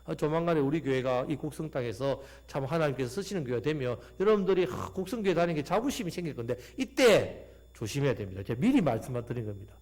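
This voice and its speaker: A man preaching a Sunday sermon as pastor, animated and fond of acting out quoted voices. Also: a little high, fast talker.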